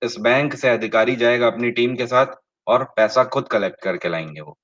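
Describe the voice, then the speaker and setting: Hosting a live quiz, a male online exam-prep teacher uses a middle-pitched, slightly bright voice, reading questions slowly in English and explaining them in Hindi with rising emphasis. He calls out to viewers directly, asks for their answers and confirms them. Audio quality is a little dull and lo-fi.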